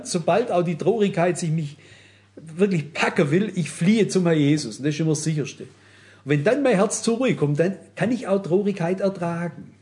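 A man preaches with earnest, direct appeals to his listeners. His voice sits a little higher than most men's. He keeps turning to the congregation as he explains his point. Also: a little mellow. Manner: earnest, addresses listeners directly, frequent "wisst ihr". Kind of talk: sermon.

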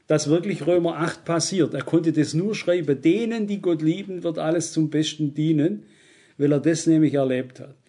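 A high-pitched man preaching a sermon with strong emphasis. He is middle-aged and keeps pressing his listeners with rhetorical questions. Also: darkish tone.

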